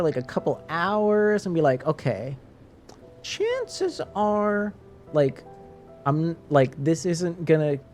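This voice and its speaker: A French Canadian man with a light accent chats casually with his stream viewers, rambling with many restarts and fillers. His voice is on the high side with a darkish tone.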